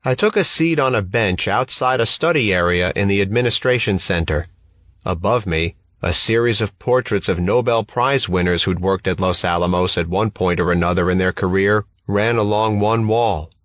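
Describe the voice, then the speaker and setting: Low-voiced man narrating an audiobook. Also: normal speed, fairly bright tone, no room sound. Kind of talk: scripted first-person audiobook narration.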